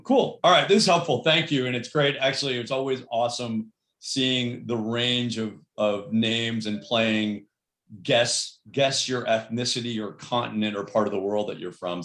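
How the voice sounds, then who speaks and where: A man's voice: fairly low pitch, a bit bright, echoey room. A man giving a casual, upbeat online presentation, talking with many fillers on a video call. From Cleveland, Ohio.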